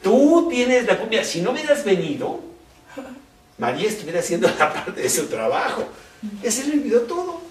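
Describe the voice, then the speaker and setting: A man voicing Martha, a fretful, resentful woman who accuses Jesus in a shrill, complaining tone. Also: wildly swooping pitch, fairly quick. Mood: accusing. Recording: roomy, distant mic.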